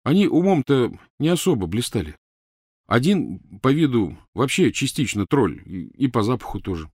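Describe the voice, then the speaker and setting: Man putting on teenage boy wizard, higher voice, loud, defensive, clumsy jokes, dry sound. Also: sing-song, normal speed, husky, no room sound. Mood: explaining. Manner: loud, pleading, clumsy joking.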